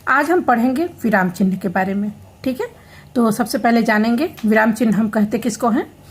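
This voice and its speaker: A woman's voice: on the high side, normal speed, husky. A woman teaching a grammar lesson to children, explaining patiently and often checking that they follow.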